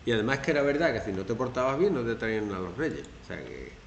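A man from Spain teaching a classroom lesson, animated and acting out quoted phrases in mocking voices. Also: medium pitch, quick pace, reverberant, slight background noise.

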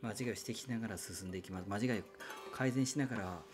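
A man's voice: fairly low pitch, fast talker, music in the background. A man talking casually on his own as a musician recruiting singers, chatty and often correcting himself. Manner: chatty, self-correcting, sings short chant lines to demonstrate. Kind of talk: casual solo talk.

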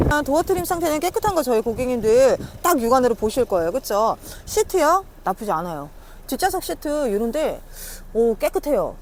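A woman with a high voice pitches like a car dealer on a video walkaround. Her delivery swings animatedly and stays chatty and persuasive. There is clear background noise around her, as on location by a car. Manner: chatty, persuasive, repeatedly addressing customers. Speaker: used-car dealer presenting a car. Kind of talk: casual sales walkaround to camera. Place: on location outside and inside a car.

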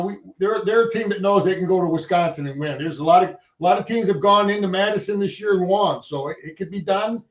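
An older man talks sports over a video call from his home study, halting and repeating himself. He sits far from a dull webcam mic, and the room echoes around his fairly high voice. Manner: halting, repeats words, chuckles. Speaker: co-host, sports fan. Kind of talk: casual sports chat. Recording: roomy, distant, dull webcam audio.

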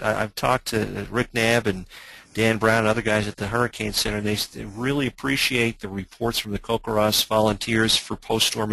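A man's voice: on the low side, gravelly, pushed and bright, no echo, low-quality recording. A man hosting a webinar question session, friendly, often stumbling and repeating words. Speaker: webinar host.

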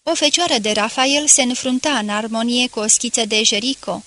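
Woman narrator, audiobook, bright, slightly high voice, measured literary reading. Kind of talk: scripted narration.

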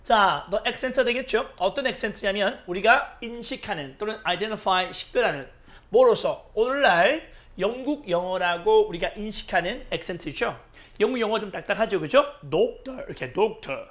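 A man lecturing on an English exam passage, explaining grammar and quizzing with short questions, and reading English lines slowly. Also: sits high, fairly bright tone. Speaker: English teacher.

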